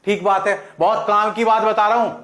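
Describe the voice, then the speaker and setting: A man's voice: sits high, steady tone, a little fast, fairly bright tone, roomy sound. A male Hindi teacher with a western Uttar Pradesh accent, giving a lesson and answering his own questions again and again. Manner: repeats questions and answers them himself. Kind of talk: classroom lesson.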